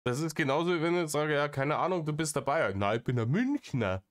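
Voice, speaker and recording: A man's voice: on the high side, lively intonation, fairly quick. A man giving sarcastic, rambling commentary on stream clips. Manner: sarcastic, rambling, restarts a lot.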